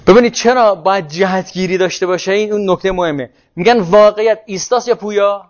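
Man, lecturer, classroom talk, high pitch, thinking aloud, dull recording. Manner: thinking aloud, restarting words.

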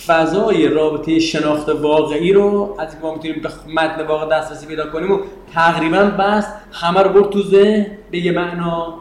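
A middle-aged man gives a conversational, digressive university lecture in a classroom, turning to his students with questions. His voice is fairly high with a darkish tone. The room is echoey, with faint background ambience and slight noise.

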